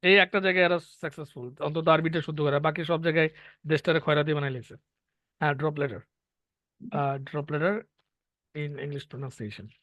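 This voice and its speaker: A man's voice: a little high, fairly even intonation, brisk, fairly bright tone, dry recording. Man teaching an online class. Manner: explains step by step, asking students questions. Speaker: English teacher. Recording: dull lo-fi online class audio.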